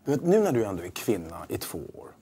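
An actor playing a glib male doctor who gives odd advice in a smooth, persuasive way. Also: on the low side, very animated, warm tone, full character voice. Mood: coaxing.

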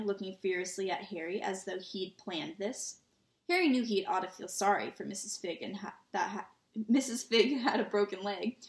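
Woman reading a kids book aloud, relaxed, a few slips, echoey room. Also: mid-range voice. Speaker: reader. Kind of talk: storybook read-aloud. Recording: roomy echo.

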